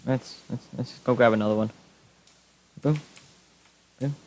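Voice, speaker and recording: A young man giving casual gameplay commentary, excitable, yelping when things go wrong. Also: mid-range voice, measured pace. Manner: excitable, yelps and shouts when startled. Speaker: Minecraft YouTuber.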